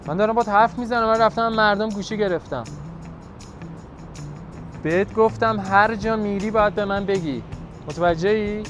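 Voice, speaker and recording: High-voiced man pulling a street prank. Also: pauses often, soft background music. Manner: fake angry phone shouting, then pleading apologies. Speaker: prankster host. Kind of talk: hidden-camera prank.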